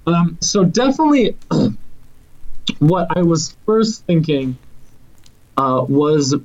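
Male podcast co-host, slightly high voice, excitable and quick to laugh, a little far from a dull mic. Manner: excitable, laughs often, swears. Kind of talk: casual chat.

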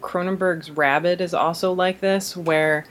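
Enthusiastic woman with a lowish voice. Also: steady tone, measured pace. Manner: enthusiastic, laughs while describing films. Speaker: podcast co-host. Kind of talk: casual chat about cult films.

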